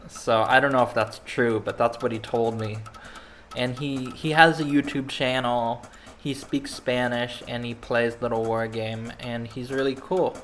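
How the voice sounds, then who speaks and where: A man's voice: mid-range voice, steady tone, a little slow, fairly bright tone, a little hiss or hum. A man giving casual, rambling commentary over video game replays, chatting while he snacks. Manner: rambling, laid-back, snacking while talking.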